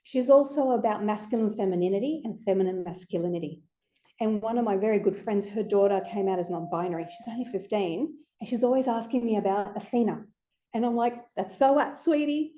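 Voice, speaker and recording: A woman with a mellow, medium-pitched voice gives an informal astrology talk to a group. Her style is chatty and conversational, with playful asides along the way.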